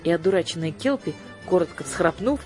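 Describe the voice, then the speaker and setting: A woman narrating an audiobook in a lowish voice, measured and expressive, pacing the story with care. Faint music plays softly behind her reading.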